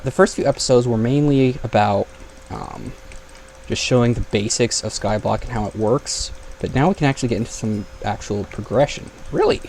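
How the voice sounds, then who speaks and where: Casting note: young male gamer, gravelly edge, chatty and thinking aloud, faint hiss behind. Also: medium pitch, darkish tone. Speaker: gaming YouTuber. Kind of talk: casual gameplay commentary.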